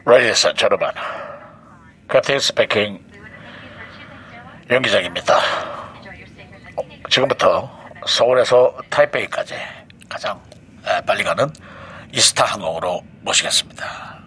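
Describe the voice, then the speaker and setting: A man's voice: lowish voice, slow, pauses often, sharp tone, a little hiss or hum, pitched below the performer's own voice. A man playing a male airline captain who gives a formal in-flight announcement as a comedy skit on a radio show. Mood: announcing. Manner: formal in-flight announcement voice, mixing in English greetings.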